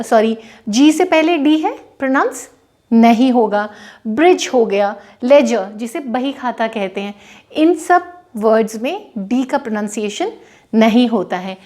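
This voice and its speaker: A young woman from India teaches English pronunciation in a video lesson. Her voice sits high. She explains patiently, one step at a time, and keeps checking that her students follow. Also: darkish tone. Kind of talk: classroom-style video lesson.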